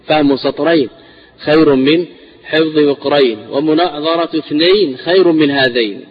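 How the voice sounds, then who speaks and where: A man teaching a classical text on inheritance shares, explaining slowly and repeating words for emphasis. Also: on the high side, crowd noise. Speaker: teacher of Islamic inheritance law. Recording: dull lo-fi recording.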